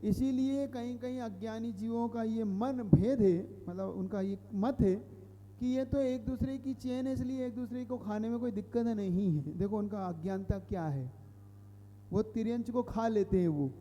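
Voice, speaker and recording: High, mellow-voiced monk in an echoing hall. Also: male voice, moderate pace. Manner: explanatory, repeats phrases and asks the audience questions. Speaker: Jain monk giving a discourse. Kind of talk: sermon. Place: hall with a live audience. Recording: hall reverb.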